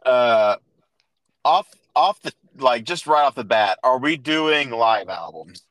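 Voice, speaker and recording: A man's voice: mid-range voice, expressive, slow pace, fairly bright tone, no room sound, low-quality recording. A man in his thirties hosting a casual podcast, telling a long story with restarts and fillers. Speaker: podcast host. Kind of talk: casual chat.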